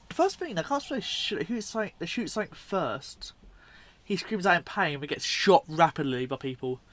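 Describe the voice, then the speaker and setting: A man's voice: medium pitch, a bit bright. A man giving casual, unscripted commentary on video clips in a rambling, informal way, often correcting himself. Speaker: video host.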